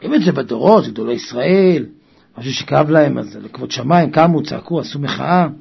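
A man preaching a Torah sermon with passion, swinging from quiet talk to loud cries. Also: medium pitch, animated, vocal fry, husky. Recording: dull lo-fi recording.

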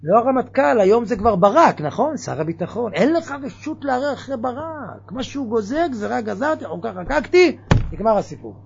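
A man giving a lively religious sermon, firing off mocking rhetorical questions. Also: very high voice, creaky, dull audio, a little hiss or hum. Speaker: preacher.

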